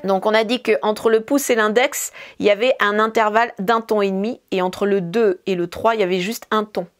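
A piano teacher with a mid-range voice, steady tone, and normal speed casually explains a scale in a demonstration lesson. She talks while she plays, counting fingerings aloud over the piano notes.

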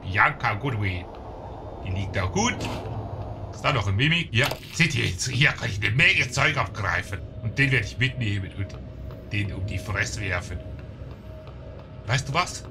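A man giving casual let's-play commentary, chatting to his viewers and getting excited in fights. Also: on the low side. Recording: game music behind the voice.

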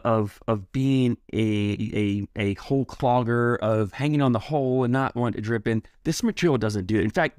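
A man's voice: medium pitch, dry recording, studio quality. A man giving a casual, enthusiastic product review, rambling a bit with restarts and repeated words.

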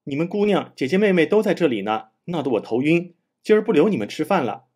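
A chiding storybook matron with a husky, sing-song lilt that rises and falls. She fusses and orders people about, as a man reads her part. The voice sits a little high for a man. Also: very animated, quick pace, darkish tone. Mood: scolding. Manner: chiding, bossy. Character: sharp-tongued middle-aged noble lady, fussy and doting.

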